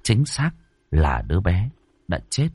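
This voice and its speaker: Gravelly male storyteller, lively pitch, ghost story narration, dry close mic. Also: measured pace, no room sound, soft background music. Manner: dramatic, expressive reading.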